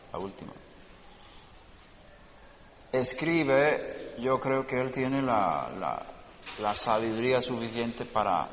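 A man's voice: mid-range voice, slight background noise. A man teaching a religious class, explaining and putting rhetorical questions to his students. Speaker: Torah teacher. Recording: dull lo-fi recording in an echoey hall.

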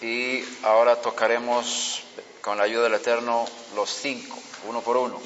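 A man teaching a Bible lesson, explaining terms word by word with frequent pauses. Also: mid-range voice, little pitch movement, fairly bright tone, slight background noise. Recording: reverberant hall, dull lo-fi sound.

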